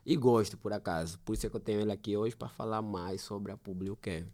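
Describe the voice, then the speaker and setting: Deep-voiced man in casual chat. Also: fast, dark tone. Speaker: podcast host, visual designer.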